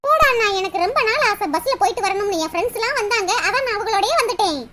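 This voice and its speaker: A woman's voice: extremely high pitch, lively intonation, racing, full character voice. A woman voicing a generous young girl in a cartoon, giggly and pleading. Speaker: cartoon voice actor. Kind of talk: Tamil cartoon dubbing. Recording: loud background hiss.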